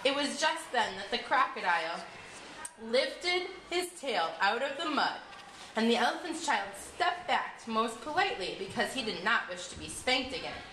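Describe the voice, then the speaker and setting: In an echoey room with a touch of noise, a woman tells a scripted storybook tale in a fairly high voice, shaping it expressively and at a deliberate pace.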